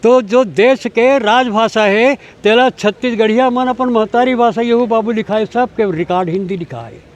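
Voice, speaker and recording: A man's voice: very high-pitched, normal speed. Emphatic older Chhattisgarhi man. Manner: emphatic, rhetorical, lecturing. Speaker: language activist. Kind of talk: impassioned interview answers.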